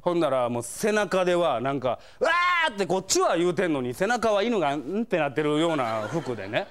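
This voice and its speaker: Fairly high-pitched and fairly quick, a Kansai-accented man delivers a comic monologue of funny stories. He animates every scene by acting it out and chuckles as the punchlines land.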